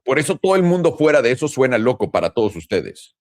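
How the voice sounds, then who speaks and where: A man's voice: medium pitch, very animated, fast talker, a little mellow. A man with a Mexican Spanish accent, a crypto trading commentator, ranting in a casual, blunt and profane monologue, full of sarcasm. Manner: blunt, profane and sarcastic, mocking others in put-on voices.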